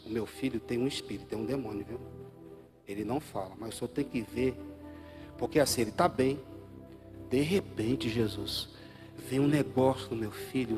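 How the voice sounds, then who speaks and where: Brazilian Portuguese male pastor, mid-pitched voice, live church sermon, surges loud then drops quiet, faint music underneath. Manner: swings between loud emphatic bursts and low quiet asides. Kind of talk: Easter Sunday sermon.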